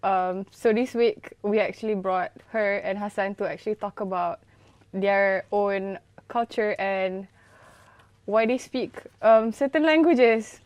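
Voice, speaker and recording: A woman's voice: medium pitch, measured pace, darkish tone, clean tone, no room sound. A young woman co-hosting a campus chat show, chatty and full of "actually" and "like". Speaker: co-host.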